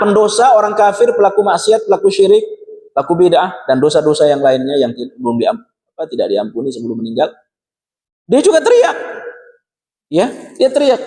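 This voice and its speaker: A man preaching a sermon to a congregation, lively and full of rhetorical questions, ending phrases with a quick "ya". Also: a little high. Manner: lively, asks rhetorical questions and tags lines with "ya". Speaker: Islamic preacher. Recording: echoey hall with long reverb.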